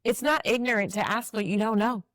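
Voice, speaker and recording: A woman, co-hosting a podcast and telling stories in a lively, casual way, swearing freely. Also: fairly high pitch, fairly quick, no room sound. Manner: animated storyteller, swears freely. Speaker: podcast co-host. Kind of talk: casual conversation.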